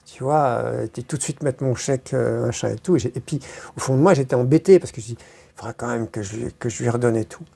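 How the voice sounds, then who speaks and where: A woman's voice: rumbling low, fast talker, vocal fry, dark tone, breathy edge. A woman being interviewed, telling stories in a rambling casual way, with many hesitations and crude slang. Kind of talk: casual storytelling.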